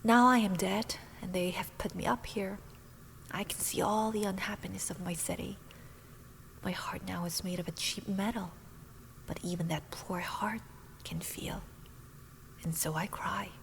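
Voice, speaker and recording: A woman voicing a sad young prince who is a golden statue, in a whispered role-play with a low, slow, sorrowful whisper. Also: fairly even intonation, creaky, a little hiss or hum, rough recording.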